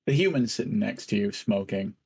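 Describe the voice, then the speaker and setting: Male game master: low-pitched, husky, deliberate narration of a tabletop scene. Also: lively intonation, darkish tone, no room sound.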